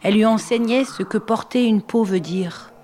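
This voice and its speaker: A woman narrating a folk tale in a soft, hushed storytelling voice. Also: fairly high pitch, moderate pace, slight background noise. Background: background music.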